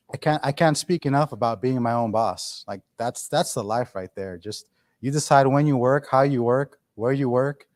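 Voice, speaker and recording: A middle-aged man giving a candid, conversational talk to students at a university event, with many restarts. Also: mid-range voice. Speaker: guest speaker.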